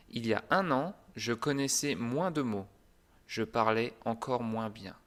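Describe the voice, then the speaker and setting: A man teaching a language lesson in a calm, deliberate, clearly articulated way. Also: mid-range voice. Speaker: French teacher.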